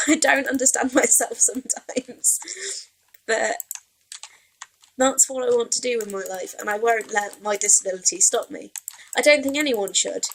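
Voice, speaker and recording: Slightly high and a bit bright, this young woman's voice comes through a low-quality recording with slight background noise. She's a Welsh let's play gamer, with a bit of Yorkshire creeping into her accent, offering rambling, self-mocking commentary as she plays.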